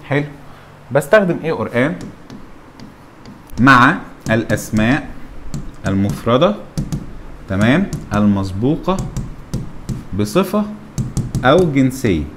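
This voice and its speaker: A man's voice: mid-range voice, sing-song, unhurried, long pauses, fairly bright tone, a little hiss or hum. A young man with an Egyptian Arabic accent teaching English grammar, acting out both teacher and student in a mock back-and-forth. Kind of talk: lively classroom-style lecture.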